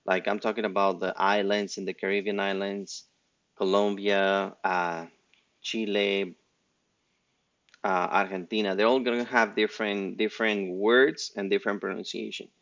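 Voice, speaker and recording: Gravelly Mexican man teaching phrases. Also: on the low side, level tone, moderate pace, fairly bright tone, lo-fi sound. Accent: Mexican Spanish. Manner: loose and unscripted, with many fillers and restarts, quoting phrases in a lifted voice. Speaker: Spanish teacher. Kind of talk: casual spoken language lesson.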